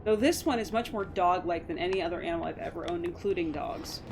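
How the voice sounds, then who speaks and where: A woman's voice: on the low side, quick pace, creaky, background noise. A woman chatting playfully on a home game stream, talking about her cat. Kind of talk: casual live-stream chat.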